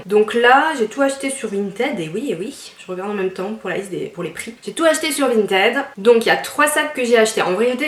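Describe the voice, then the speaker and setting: A woman's voice: mid-range voice, roomy sound. A young woman chatting enthusiastically through a shopping haul, showing her purchases to viewers. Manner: chatty, enthusiastic, rambling with fillers. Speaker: fashion and lifestyle YouTuber. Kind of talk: casual shopping haul vlog.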